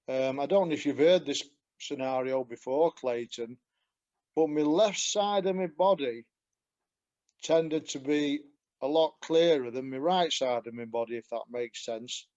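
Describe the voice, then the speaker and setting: A man's voice: medium pitch, a little slow, a little mellow, muffled recording. A man with a Yorkshire accent on a video call, telling his story in a rambling, self-deprecating way with frequent chuckles. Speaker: guest giving a testimonial. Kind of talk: casual video call chat.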